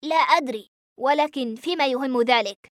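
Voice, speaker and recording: A woman's voice: high-pitched, normal speed, no echo, clean studio sound, close to an everyday voice. A woman voicing a cold, ruthless male rebel general who gives curt orders. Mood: cold commanding. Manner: curt, commanding.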